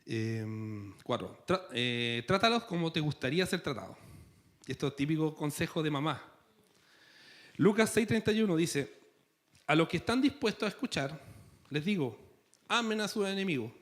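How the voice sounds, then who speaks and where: High-voiced Chilean pastor preaching. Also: male voice, animated, normal speed, pauses often, fairly bright tone. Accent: Chilean Spanish. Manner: conversational preaching with playful asides and rhetorical "¿cierto?". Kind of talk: sermon. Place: church.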